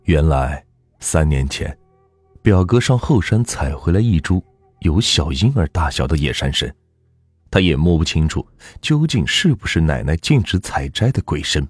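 Low husky-voiced male storyteller. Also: no room sound, soft background music. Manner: measured, steady storytelling. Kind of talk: folk ghost story narration.

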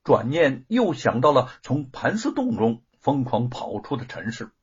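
A man narrating a serialized story in a dramatic, expressive reading, in a dull lo-fi recording. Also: mid-range voice, measured pace, breathy edge.

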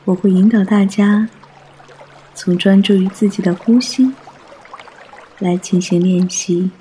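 Male meditation guide: soft, soothing, mellow delivery at a very slow pace, trickling water behind. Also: high-pitched, fairly even intonation, slight background noise.

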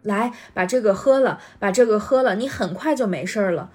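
A woman's voice: medium pitch, animated, moderate pace, slightly rough, soft background music. A woman reading a storybook aloud and voicing a desperate teenage boy wizard who urges and coaxes. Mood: coaxing. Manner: urgent, insistent coaxing.

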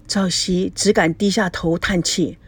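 A woman's voice: on the low side, fairly even intonation, a little slow, husky, no echo. A woman reading a serialized story aloud, narrating expressively between the characters' lines.

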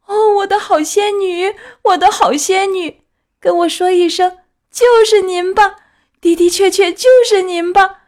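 A woman voicing an eager, excitable wooden puppet boy in a children's story reading, high and pleading. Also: brisk. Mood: tearful pleading.

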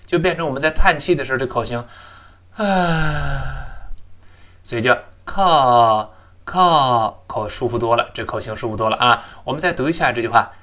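A man's voice: mid-range voice, very fast, hardly any pauses, bright, forceful tone. A man teaching English pronunciation in a chatty recorded lesson, modeling each sound aloud.

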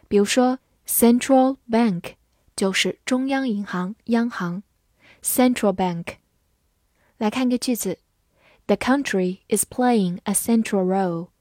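Her voice medium-pitched and warm, a woman slowly works through a scripted English vocabulary lesson, spelling each word letter by letter and reading example sentences. The clean studio sound has no echo.

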